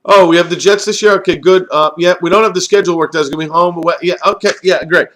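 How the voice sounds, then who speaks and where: A man's voice: high voice, steady tone, quick pace, a bit bright, pitched above the performer's own voice. A man mimicking a smug rival team staffer, a grown man, and the voice is breezily sarcastic and dismissive. The cheerfulness is put on and mocking throughout.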